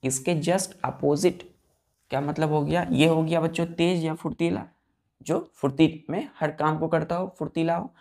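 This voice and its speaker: A woman's voice: low-pitched, fairly even intonation, moderate pace, dark tone. A woman with an Indian accent teaching English vocabulary, spelling each word letter by letter and repeating questions to her students. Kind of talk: classroom vocabulary lesson.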